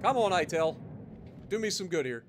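Male game streamer, higher register, off-the-cuff chat and commentary, profane, exasperated griper. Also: animated, moderate pace, noisy background. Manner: sweary, exasperated griping. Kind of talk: casual live gaming commentary with chat.

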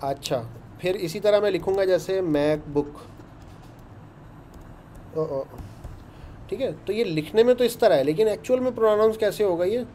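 A man's voice: high voice, a little slow, long pauses, dark tone, a little hiss or hum. A man, teaching a casual coding lesson and chatting his way through each step. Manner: chatty, explains step by step with frequent "ṭhīk hai". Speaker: programming instructor.

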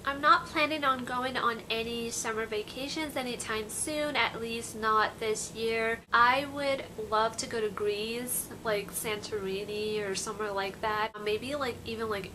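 Young woman from Peru, bedroom vlogger, bright slightly high voice, loose and chatty to camera, faint room noise. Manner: chatty, lots of "like" and "you know". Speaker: beauty vlogger. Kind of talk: casual chat to camera. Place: bedroom, indoors. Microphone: camera in front at close range.

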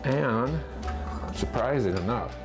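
A man demonstrates home cooking in his kitchen, explaining every step in a laid-back, talkative way and musing aloud with fillers. His voice is medium-pitched and his pace slow. He's recorded indoors by a camera fixed some distance away, over background music.

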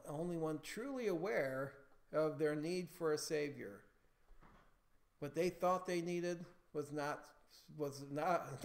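A man preaching a sermon as pastor in a church, building emphasis and calling for amens. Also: on the high side. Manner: preaching with rising emphasis, calls for amen.

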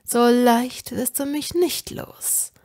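A woman voicing a manipulative young male spirit from a diary, speaking in a hushed, pleading whisper in a slow fantasy audiobook. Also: on the high side. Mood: menacing.

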